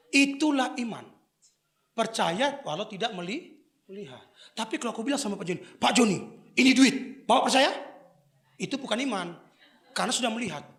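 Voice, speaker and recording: A male pastor, preaching a humorous sermon with stories and shouted prayers. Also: high voice. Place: church service.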